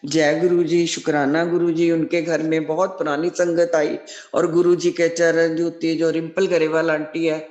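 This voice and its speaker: A woman's voice: sits low, measured pace. Middle-aged woman telling a devotional story, echoey. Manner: animated storyteller who acts out quoted dialogue; repeats devotional refrains. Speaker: devotee sharing a testimony. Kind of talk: devotional testimony, spoken storytelling. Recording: echoey room.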